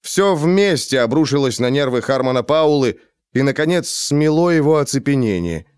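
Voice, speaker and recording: A man reading a fantasy novel aloud with expressive, dramatic narration. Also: mid-range voice, moderate pace, clear, resonant tone, no echo, clean studio sound. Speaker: audiobook narrator. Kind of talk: scripted narration.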